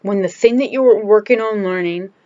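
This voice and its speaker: A woman's voice: medium pitch, normal speed, dark tone, dry recording, muffled recording. A woman talking candidly into the camera from home in a casual video diary, emphatic and searching for words as she goes. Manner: candid and emphatic, restarts and trails off. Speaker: vlogger.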